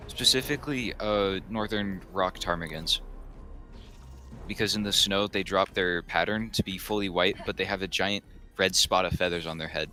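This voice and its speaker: A man's voice: sits low, bright, forceful tone. A man streaming a video game, chatting casually and rambling off into enthusiastic tangents. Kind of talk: casual gaming stream chat.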